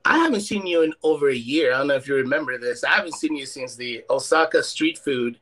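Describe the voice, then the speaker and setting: A man's voice: medium pitch, lively intonation, fast, fairly bright tone. Chill young chef guy from ecuador, stoked and easygoing. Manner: laid-back, enthusiastic, many fillers. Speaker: chef guest. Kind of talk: casual interview chat.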